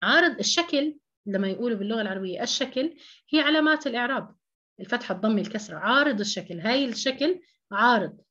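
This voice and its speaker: A woman's voice: a little high, animated, racing, fairly bright tone, dull audio. A woman teaching an online tajweed lesson, explaining step by step, repeating key terms and asking rhetorical questions. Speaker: Quran recitation teacher.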